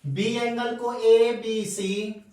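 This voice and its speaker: A man teaching a maths class at the board, dictating each step slowly and spelling out angle letters, mixing in English terms. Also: very high voice, steady tone, darkish tone. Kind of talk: blackboard lesson, dictating steps slowly. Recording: echoey room, voice from a distant mic.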